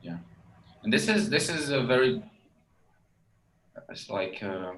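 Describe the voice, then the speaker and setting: A man's voice: medium pitch, sing-song, slow pace, fairly bright tone. A man from Brazil with a Brazilian accent, speaking English as a second language in a casual group discussion, thoughtful and hedging with "like" and "you know". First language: Portuguese. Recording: echoey room.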